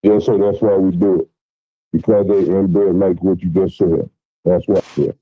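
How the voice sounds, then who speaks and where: A man's voice: deep voice, little pitch movement, normal speed, breathy edge, dry recording, soft background music. A man calling in by phone, his voice muffled as if through a door, explaining things plainly. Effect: muffled phone voice, as if heard through a door. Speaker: call-in guest, dog breeder. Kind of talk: casual call-in chat. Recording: tinny muffled phone line, dry.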